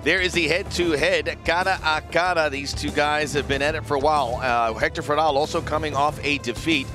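Higher-voiced male fight play-by-play commentator. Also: steady tone, a little fast. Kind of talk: live fight broadcast commentary. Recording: music under broadcast commentary.

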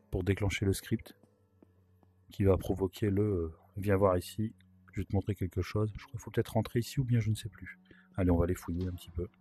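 A man with a sore throat and a worn-out, hoarse voice gives chatty, casual commentary as he plays a video game, with wry asides. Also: lowish voice, warm tone. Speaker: gaming video host.

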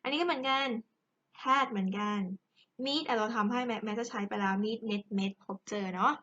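A woman with a Thai accent, teaching English grammar in a chatty, big-sister way and reading the English examples slowly. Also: fairly high pitch, bright, forceful tone, highs cut off. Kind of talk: explaining grammar exercises to students.

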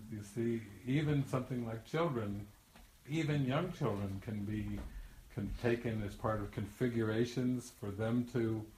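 Chatting through a long, rambling anecdote full of restarts and laughs, an older man who is a spiritual teacher uses storytelling to teach. His lowish voice is a little mellow, and the space has an echo.

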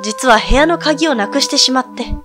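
A woman's voice: high-pitched, moderate pace, over music, natural voice. A woman reading the lines of a shy, polite young heroine in a video game, speaking hesitantly. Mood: timid.

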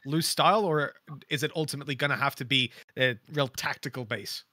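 A man working as an esports analyst, talking on a gaming show panel in a lively, animated way. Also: medium pitch, a little fast, dry recording, clean studio sound. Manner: lively and animated, laughing while retelling stories.

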